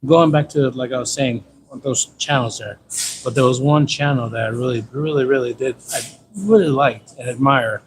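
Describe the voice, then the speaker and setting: A livestream host in his fifties from San Diego, California, rambles in a mid-range voice with a Californian American accent. He tells loose, slangy stories and repeats himself, while the ambient noise behind him is clearly audible.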